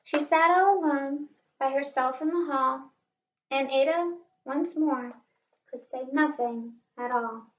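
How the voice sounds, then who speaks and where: A woman reading a children's picture book aloud in an expressive, animated way, like a teacher stressing the rhymes. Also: sits high, slow pace. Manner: animated, asks listeners questions, stresses rhymes. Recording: roomy, slightly distant, dull sound.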